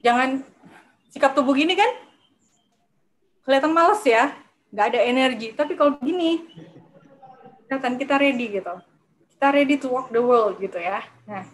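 A woman giving a lively public speaking workshop to a live audience, talking in a chatty way and acting out timid speakers. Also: high-pitched, slight background noise, rough recording. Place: lecture room with a live audience.

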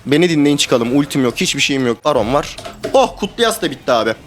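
A young man streaming a video game, talking to his teammates in casual live commentary that swings between calm planning and excited shouting and swearing. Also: fairly high pitch, brisk, slight background noise. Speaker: gamer streamer.

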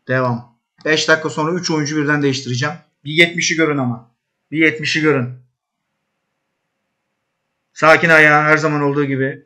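A man commentates his own football management game as if he stands on the touchline. His voice is bright and slightly high. He coaxes, scolds and cheers his players in quick bursts. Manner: coaching players aloud, urging and scolding; bursts into high shouts at attacks. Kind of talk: live commentary while gaming.

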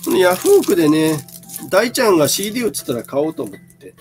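A man's voice: high voice, big pitch swings, fast talker, faint music behind. A man in his fifties selling bags on a casual live stream, chatting and answering viewer comments as he shows each item. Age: 50s.

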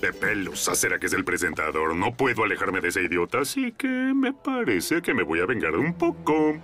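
A man's voice: deep voice, sing-song, moderate pace, music in the background. A man voicing an exasperated middle-aged restaurant owner in a Latin American cartoon dub, grumbling and defensive. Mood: grumbling, spiteful. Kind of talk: dubbed cartoon acting.

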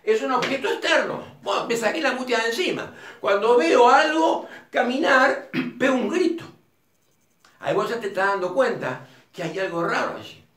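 A man's voice: very high-pitched, lively intonation, normal speed, fairly bright tone. A man with an Argentine Rioplatense accent teaching at a whiteboard, chatty and digressive, with colloquial asides to the viewer. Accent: Argentine Rioplatense Spanish. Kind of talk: informal whiteboard lecture. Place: room with a whiteboard. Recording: echoey room, mic at a distance.

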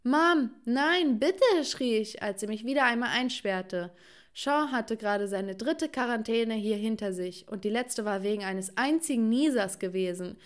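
A woman giving scripted, earnest narration as a teenage girl in an animated story. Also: medium pitch, normal speed.

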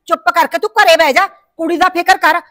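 A woman's voice: fairly even intonation, bright, forceful tone. A middle-aged woman playing a nagging village mother and wife who scolds her husband and frets over her daughter's wedding. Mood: scolding. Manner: scolding, rapid and shrill.

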